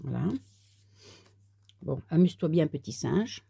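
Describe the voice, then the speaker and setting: A woman talking viewers through a paper craft kit in a relaxed, unhurried way, handling the pieces as she speaks. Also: low voice, creaky, slightly rough, dry recording. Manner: soft, unhurried, talks while working with paper. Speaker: crafter demonstrating a card kit. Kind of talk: casual crafting tutorial.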